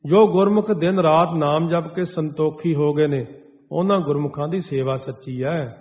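Before a congregation in a large hall, a Sikh preacher with a voice on the high side slowly chants lines of scripture, then unpacks them in everyday language as an expository sermon. A stage microphone captures him, and the sound is dull with a long hall reverb.

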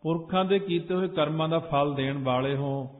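A man preaching, singing scripture lines slowly and then explaining them in quicker speech. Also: fairly high pitch. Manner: alternates slow chanted verses with quick explanation. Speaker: Sikh preacher. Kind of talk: sung scripture with spoken commentary. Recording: tinny phone-like sound with long hall reverb.

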